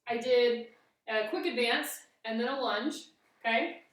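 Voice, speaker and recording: A woman's voice: on the high side, measured pace. A woman working as a fencing coach, giving step-by-step exercise instructions and often checking in as she demonstrates. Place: echoey indoor room. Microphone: camera at a distance. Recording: very echoey room, distant microphone.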